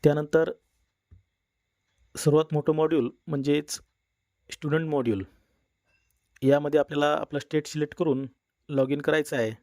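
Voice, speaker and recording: A man narrating a step-by-step software tutorial in a plain instructional manner. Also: fairly high pitch, fairly even intonation, moderate pace, pauses often, dry recording, clean studio sound. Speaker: tutorial presenter. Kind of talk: screen-recorded software tutorial.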